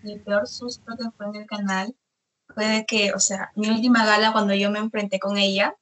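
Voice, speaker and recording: A woman's voice: medium pitch, level tone, normal speed, fairly bright tone. A young woman, a singer, chatting in an interview and telling anecdotes with many fillers. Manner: storytelling, many fillers like "este". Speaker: guest singer. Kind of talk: casual interview chat.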